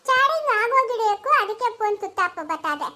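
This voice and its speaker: Bright high-voiced chatty woman. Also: animated, fast. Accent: Chikkaballapura Kannada. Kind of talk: family drama acting.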